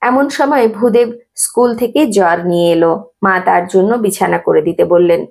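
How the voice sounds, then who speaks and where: Woman narrator for a devotional memoir reading, steady and reverent, with a gravelly texture. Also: medium pitch, normal speed.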